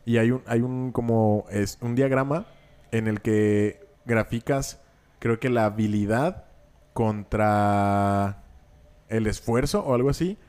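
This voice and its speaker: A man's voice: fairly low pitch, slow pace, darkish tone, smooth. A man in his thirties with a Mexican accent, co-hosting a podcast, telling stories in slangy casual chat. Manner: slangy, storytelling, swears casually. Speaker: podcast co-host.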